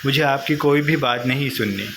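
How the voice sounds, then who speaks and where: A man's voice: medium pitch, normal speed, lightly acted. A man voicing a petulant, tearful teenage wife, over a noisy recording. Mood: sulky.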